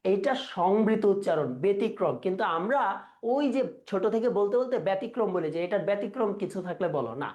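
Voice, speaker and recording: With a high-sitting, expressive voice and dark tone, a man teaches a live online exam-prep class. He quizzes his students and says words slowly, again and again, to practice pronunciation.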